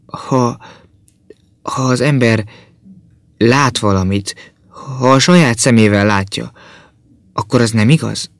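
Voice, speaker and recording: A man voicing a stubborn, honest young boy who talks haltingly in an audiobook. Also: medium pitch, husky, no echo, pitched above the performer's own voice, lightly acted. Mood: hesitant. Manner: hesitant, pleading.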